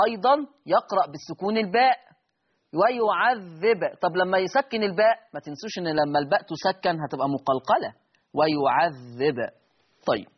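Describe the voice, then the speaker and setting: A man with an Egyptian Arabic accent teaching Quran recitation rules. He asks his students questions, answers them himself, and slowly draws out the words he recites as examples. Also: high voice, breathy edge, lo-fi sound.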